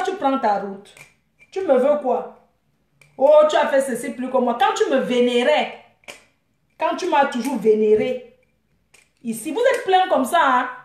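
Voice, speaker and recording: A young woman with a high-pitched voice delivers a scornful, taunting rant straight to camera. Her talk is full of mocking jabs and dismissive asides. The sound bounces around an echoey room. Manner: mocking, scornful, with frequent laughs. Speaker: vlogger.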